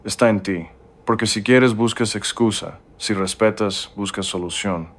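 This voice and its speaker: A man narrating a first-person story in a calm, reflective way. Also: on the low side, measured pace.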